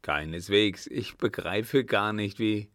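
A man's voice: lowish voice, slow pace, a bit bright, dry recording, studio quality. A man reading an audiobook, voicing a young lieutenant who defends himself earnestly to a furious countess. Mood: defensive. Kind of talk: audiobook character voice.

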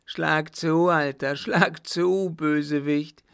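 A man voicing a tormented, raving young baron who wails in high, anguished outbursts, his voice a little gravelly. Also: takes it slowly, exaggerated voice. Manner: shrill, wailing, anguished outbursts.

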